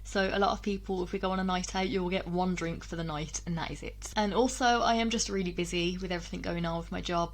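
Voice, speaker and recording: Relaxed and personal, a young English vlogger addresses her camera at a moderate pitch. Her chatter is dotted with ums and false starts, and she laughs between ideas.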